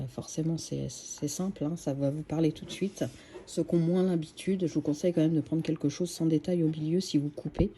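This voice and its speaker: A woman's voice: low-pitched, mellow, slight background noise. A woman hosting a screen-recorded craft tutorial, chatty and hesitant, with many fillers and restarts.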